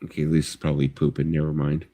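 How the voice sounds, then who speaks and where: A man's voice: rumbling low, completely flat delivery, fast, mellow, a little hiss or hum. A man in his fifties hosting a live stream, rambling casually, swearing freely and filling his talk with you-knows. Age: 50s. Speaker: livestream host.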